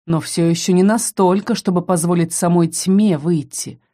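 A woman narrating a first-person fantasy audiobook in an even, measured way. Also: fairly low pitch, no room sound, studio quality.

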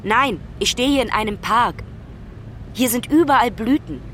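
A lonely young woman abroad, affectionate but anxious, pleading down a phone line. Her voice sits a little high for a woman. The talk is urgent and searching. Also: expressive, moderate pace, fairly bright tone, slight background noise. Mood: delighted. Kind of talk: radio play acting.

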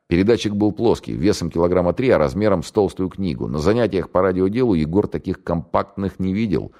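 A man narrating a novel in an expressive storytelling manner. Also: sits low, a little fast. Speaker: audiobook narrator. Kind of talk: scripted narration.

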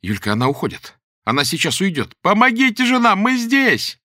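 A man doing a brisk, determined young woman. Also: medium pitch, big pitch swings, husky, no echo, clean studio sound, exaggerated voice. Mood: shouting. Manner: sharp, commanding, shouting for help.

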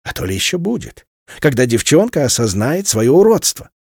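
Expressive male audiobook narrator. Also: medium pitch, normal speed, creaky, slightly rough, no room sound, studio quality. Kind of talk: scripted literary narration.

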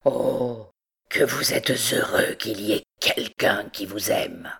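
A woman voicing a timid, devoted deaf hunchbacked bell-ringer who speaks slowly in a half-whisper, in a storybook reading. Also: low-pitched, animated, gravelly, crowd noise, heavily acted. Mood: sorrowful. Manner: hushed, slow, half-whispered.

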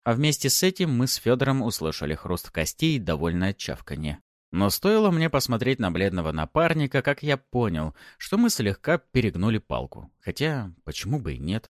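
Low-voiced man narrating with sarcasm. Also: sing-song, normal speed, no echo, studio quality. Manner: sardonic, mocking. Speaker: audiobook narrator. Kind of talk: first-person audiobook narration.

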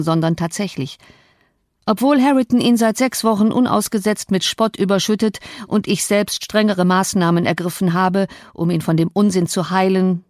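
A woman's voice: fairly low pitch, darkish tone, no echo, close to an everyday voice. Scheming, mocking older man read by a woman for an audiobook, dry close sound. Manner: cold, mocking, persuasive. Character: menacing, scheming older man, smooth and cruel.

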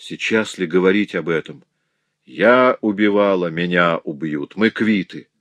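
A man's voice: low voice, measured pace, a bit bright, no room sound. A man reading an audiobook aloud and voicing a cruel, unrepentant old widow who speaks with sarcasm and cold fury. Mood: bitter sneering. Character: vicious old widow, a murderer facing execution, sneering and unrepentant.

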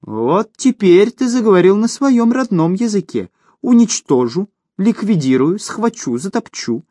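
A man's voice: high voice, big pitch swings, a little slow, mellow, no echo, studio quality, pitched above the performer's own voice, full character voice. A man voicing a ruthless, domineering woman who mocks her partner in a cutting tone for an audiobook. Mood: mocking. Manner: sneering, cutting. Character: cold, mocking, domineering woman, ruthless schemer. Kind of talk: audiobook character voice.

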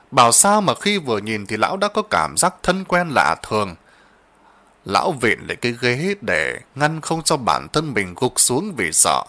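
Male horror storyteller with a bright, lively voice. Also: medium pitch. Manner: dramatic, expressive reading. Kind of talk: spoken horror story narration.

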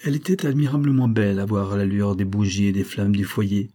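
A man reading a novel aloud as an audiobook narrator, in a steady, measured way. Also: on the low side.

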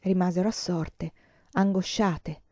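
A woman reading a novel aloud in a measured, expressive way. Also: fairly low pitch, dry recording, highs cut off. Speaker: audiobook reader. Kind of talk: literary narration.

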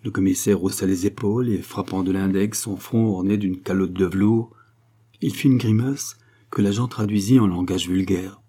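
A man reading a classic novel aloud, his voice low and mellow with a slight husk. The delivery is measured and steady, in the manner of literary audiobook narration. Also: husky.

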